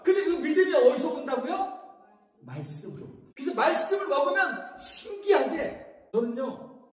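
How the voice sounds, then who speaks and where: A male pastor preaching an animated sermon, asking the congregation questions and answering them himself. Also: extremely high pitch. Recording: echoey hall from far off.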